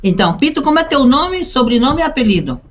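A woman with a Brazilian accent and a moderately high voice. She teaches beginners conversationally, encouraging them and repeating simple words so they can follow. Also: big pitch swings, fast. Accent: Brazilian Portuguese. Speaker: Portuguese teacher. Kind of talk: conversational beginner language lesson.

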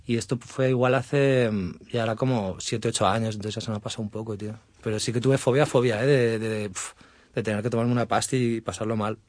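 A man's voice: lowish voice, fairly even intonation, quick pace, darkish tone, no room sound. A middle-aged man with a Spanish accent from Spain, a guest telling a story casually and laughing through it.

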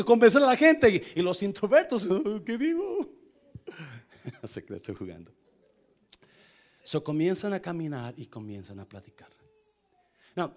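Pastor guy preaching, high voice, swings all over, mixes in english, keeps asking the crowd stuff. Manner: animated storytelling, switching between Spanish and English; asks the congregation questions. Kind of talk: sermon with personal story.

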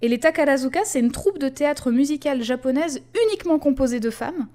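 A woman's voice: high-pitched, fairly quick, dark tone. A woman hosting a podcast in casual chat, explaining at length with many fillers and asides. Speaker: podcast host.

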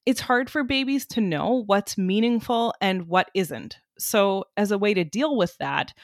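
A woman with a medium-pitched voice, a music cognition researcher and educator, is interviewed and explains things in an articulate, conversational manner. The recording is dry, with almost no room sound.

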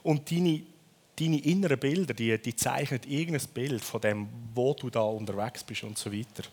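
A man from Switzerland with a Swiss accent, preaching a sermon in a lively storytelling way and often ending his phrases with a questioning tag. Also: mid-range voice.

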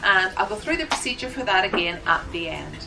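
A woman working as an interpreter, voicing a seminar introduction in short, halting phrases as she addresses a room. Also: mid-range voice, very animated, creaky, music in the background. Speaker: sign language interpreter voicing the signers. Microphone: microphone at the front of the room. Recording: distant microphone, noticeable background noise.

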